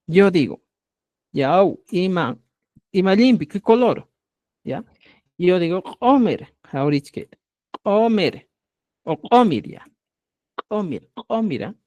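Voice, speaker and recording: A man's voice: a little high, darkish tone, no room sound, studio quality. Peruvian male teacher explaining. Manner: explanatory, repeats "ya" to check understanding. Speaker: Quechua teacher. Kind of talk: live online class.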